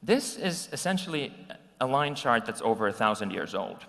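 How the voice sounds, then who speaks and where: A man's voice: mid-range voice, sing-song, moderate pace, gravelly, a bit bright. A man in his forties from Finland giving a conversational conference talk with slides, with frequent ums and restarts, recorded live in a conference hall. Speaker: conference speaker.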